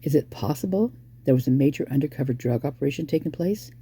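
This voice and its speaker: Fast and expressive, a hoarse true crime commentator with a medium-pitched, dark voice speculates off the cuff. They think aloud, exclaiming as ideas suddenly come to them.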